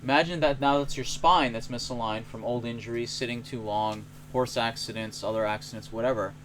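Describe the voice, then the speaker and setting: Male chiropractor, conversational and emphatic, medium pitch, with a light background hiss. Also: steady tone, a little fast, a bit bright. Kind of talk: educational health talk.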